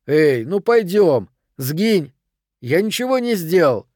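A man voicing a pushy, hot-tempered young man who blusters and shouts. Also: on the high side, sing-song, slow, no echo, clean studio sound, pitched above the performer's own voice, heavily acted. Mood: pleading.

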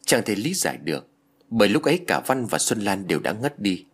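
A man narrating a ghost story with a dramatic, expressive reading. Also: fairly low pitch, brisk, slightly rough.

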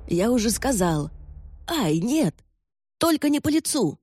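A woman's voice: on the low side, animated, fairly quick, dark tone, no echo, clean studio sound, faint music behind, lightly acted. A woman voicing a captured young male thief who begs and bargains in a whiny voice. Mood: pleading. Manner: whiny, begging.

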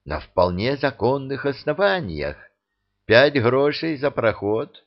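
Man doing a beaming smooth-talking haggler. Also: mid-range voice, big pitch swings, takes it slowly, dull audio, pitched above the performer's own voice. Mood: ingratiating. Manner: ingratiating, wheedling.

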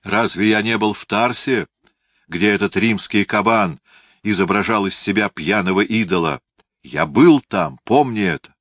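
A man's voice: lowish voice, normal speed, a bit bright, no echo, clean studio sound. A man voicing a furious, cruel young prince who hurls venomous accusations in a raised, strained voice. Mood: accusing.

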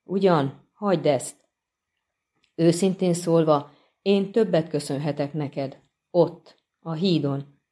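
Lady reading a grim tired monster hunter, terse and quiet, dark mellow tone. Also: sits low, long pauses, lightly acted. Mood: brooding. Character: grim, weary male monster-hunter swordsman. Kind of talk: audiobook reading.

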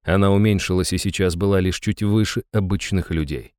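Deep-voiced male audiobook narrator. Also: fairly even intonation, fairly quick, a little mellow, smooth, no echo, clean studio sound. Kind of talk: first-person fantasy audiobook narration.

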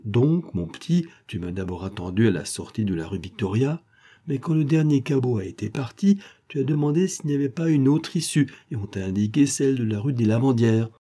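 A man's voice: mid-range voice, animated, brisk, mellow, close to an everyday voice. A man voicing a cocky young male street sleuth who taunts his captive. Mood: taunting. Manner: taunting, teasing.

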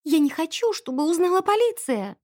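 A woman reading an audiobook voices a timid teenage housemaid who squeaks and pleads, close to tears. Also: big pitch swings, takes it slowly, darkish tone, no echo, full character voice. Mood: frightened, tearful.

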